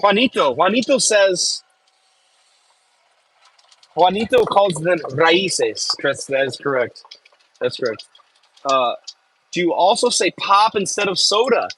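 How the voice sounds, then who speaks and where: Speaking slowly with a high, sing-song voice, this livestream host from Michigan in the US Midwest pauses often as he reads viewers' chat and rambles through his answers. His tone is fairly bright and husky, and the recording quality is low.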